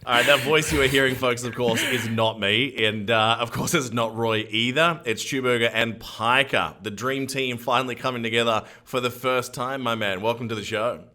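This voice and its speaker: A man's voice: mid-range voice, fairly even intonation, moderate pace, hardly any pauses, pushed and bright. A man hosting a podcast, chatting in an upbeat, joking way and plugging the show. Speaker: podcast host. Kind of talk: casual podcast chat.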